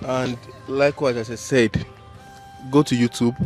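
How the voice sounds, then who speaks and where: Student interviewee, male, relaxed and agreeable, hesitant, mid pitch, soft music. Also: a little slow. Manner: easygoing, agreeable, hesitant with fillers. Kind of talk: casual group interview.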